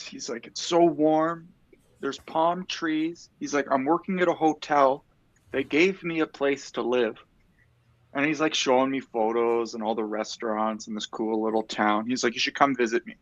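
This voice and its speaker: A man, chatting casually and telling a relaxed, rambling story with the odd swear word. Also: mid-range voice, normal speed, no echo, highs cut off. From Ontario, Canada. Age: 30s. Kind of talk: casual chat.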